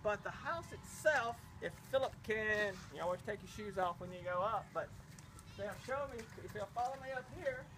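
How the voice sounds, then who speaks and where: A man's voice: high-pitched, expressive, normal speed, noisy background. A middle-aged man from a charity giving a casual, grateful vlog tour at a village well, speaking outdoors into a handheld camera. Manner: enthusiastic, grateful, explaining as he walks. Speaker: charity representative. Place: outdoors at a village well and a small new house.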